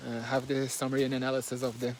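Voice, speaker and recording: Talking very fast in a medium pitch with a completely flat delivery, a Persian-accented book reviewer, a native Persian speaker, walks outside and casually summarizes a book, hesitant and full of fillers and restarts. He records on a simple handheld phone, leaving the audio rough with a bit of hiss or hum.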